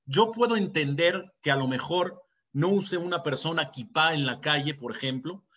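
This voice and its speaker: Earnest Mexican rabbi preaching, higher voice. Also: male voice, moderate pace, a bit bright. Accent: Mexican Spanish. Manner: earnest and storytelling, with dramatic raised quotes. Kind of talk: sermon. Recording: dull lo-fi recording.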